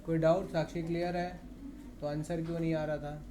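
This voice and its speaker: A man's voice: fairly high pitch, level tone, brisk, dark tone, a little hiss or hum. A man teaching an accounts class in Hindi, often questioning and coaxing his students, with terms. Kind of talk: classroom lecture.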